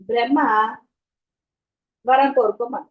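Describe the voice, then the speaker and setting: Woman spiritual teacher, Telugu accent, high voice, questioning devotional lecture. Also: slow pace, phone-quality sound. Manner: rhetorical questions to listeners. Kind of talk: devotional discourse.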